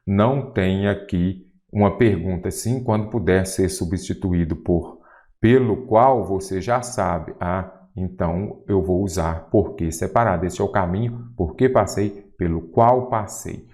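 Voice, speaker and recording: A man's voice: sits low, unhurried, a little mellow. A man from Brazil teaching an exam-prep grammar lesson, asking rhetorical questions and stressing key words.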